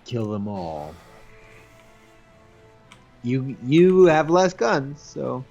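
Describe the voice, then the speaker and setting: A man's voice: medium pitch, sing-song, very slow, creaky, darkish tone, soft background music. Teasing man, slightly muffled audio. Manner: teasing, dry ribbing. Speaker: co-host commenting on gameplay. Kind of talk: casual gameplay chat.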